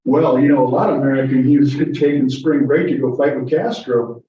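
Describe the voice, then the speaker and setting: This man's mellow, mid-range voice comes across fairly quickly over a little hiss or hum. As a guest lecturer in an informal Q&A, he wanders off topic and chuckles while answering the audience, recorded from a distance in an echoey, muffled lecture room.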